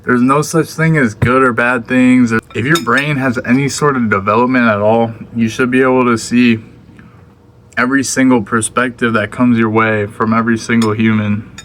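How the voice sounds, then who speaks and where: A man's voice: mid-range voice, steady tone, moderate pace, fairly bright tone, slight background noise. A young man chatting casually to the camera in a laid-back, slangy way, sometimes talking with his mouth full. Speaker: vlogger. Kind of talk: casual vlog chat.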